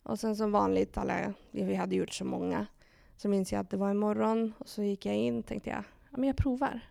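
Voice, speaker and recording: A woman guest on a podcast, telling a personal story in lively detail with quoted dialogue and frequent hesitation fillers. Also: mid-range voice, vocal fry, dry recording. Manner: animated retelling with quoted dialogue and many fillers.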